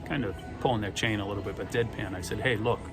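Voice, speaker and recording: A middle-aged Boston man with a Boston accent tells rambling, chatty stories with dry humor in a casual vlog monologue. His pitch is fairly low and his pace quick. He's in an airport terminal, with music and PA gate announcements in the background.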